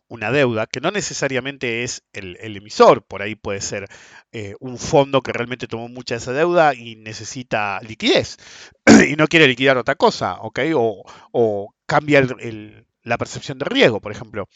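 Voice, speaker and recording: A man's voice: mid-range voice, animated, normal speed, fairly bright tone, dry recording. A middle-aged man with a Rioplatense Spanish accent explains bond trading in casual, colloquial talk and acts out quoted dialogue. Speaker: bond trader sharing experience. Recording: dull dry close recording.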